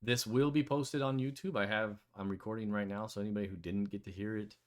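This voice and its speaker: A man's voice: on the low side, steady tone, fast talker. A man hosting a casual online voice chat, talking loosely with many fillers and restarts. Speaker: host of a community AMA.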